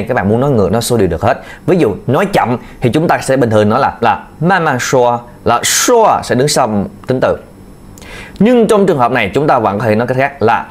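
Patient male language teacher. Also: medium pitch. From Vietnam. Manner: patient, repeats key points to learners. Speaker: Chinese teacher. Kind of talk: video language lesson.

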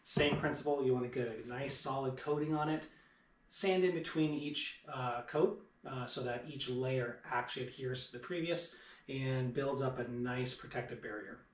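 A man's voice: mid-range voice, moderate pace. Man talking from across an echoey workshop. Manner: relaxed, with many "um" and "uh" fillers. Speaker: woodworking shop owner. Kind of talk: casual how-to demonstration. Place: home woodworking shop, indoors. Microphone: far camera. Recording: echoey shop room, voice from a distance.

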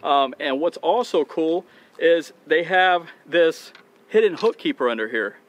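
This man, in his thirties, hosts a fishing channel and talks excitedly to his viewers, whom he calls "guys," while unpacking gear outdoors on a dock by open water. His fairly high voice is animated yet unhurried.

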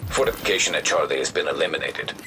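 A robotic male AI game announcer with a synthetic filter and an extremely low voice. He delivers flat, clipped alerts at a brisk pace. Loud game noise sits behind him.

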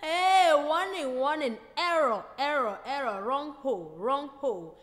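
A woman's voice: high-pitched, animated, a little slow, big-room sound. A woman with a Nigerian Pidgin accent voicing a malfunctioning robot that chants repeated warnings. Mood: alarmed.

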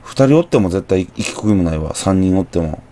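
A man's voice: low voice, lively intonation, fairly quick, dark tone. A young man with a Kansai accent, chatting through a horror game, muttering to himself with jumpy exclamations. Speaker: gameplay commentator. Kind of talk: horror game let's play commentary.

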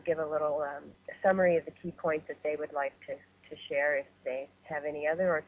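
A woman hosting and facilitating a webinar call, speaking in a measured way with many fillers and restarts. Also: low-pitched, slight background noise. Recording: muffled phone-line webinar audio.

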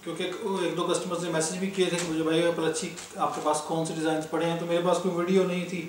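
A man's voice: fairly high pitch, level tone, fast talker, a little hiss or hum. A man with a Pakistani Urdu accent, selling fabric in a casual chatty way, talking straight to his customers with fillers. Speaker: online cloth seller. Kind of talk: casual sales talk. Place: indoors, filming fabrics on a table. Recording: very echoey room, voice somewhat far off.

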